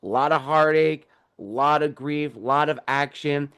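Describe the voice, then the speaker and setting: A young adult man, an author who also hosts a podcast, appears here as a guest in a casual video-call interview about his books. His voice is fairly high, clear, resonant, and fairly bright at a moderate pace, and he explains at length with enthusiasm and plenty of fillers.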